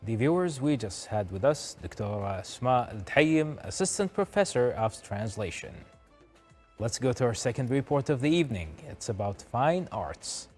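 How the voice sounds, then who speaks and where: A man hosting a television interview, putting questions in a polite, halting way. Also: mid-range voice, lively intonation, darkish tone, soft background music. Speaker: TV host.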